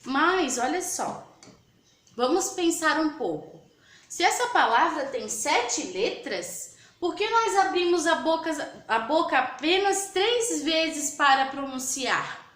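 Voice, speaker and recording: A woman's voice: sits high, sing-song, slow pace, a bit bright. A woman with a Brazilian Portuguese accent, teaching young children patiently and spelling out sounds and letters. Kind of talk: children's lesson. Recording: echoey room.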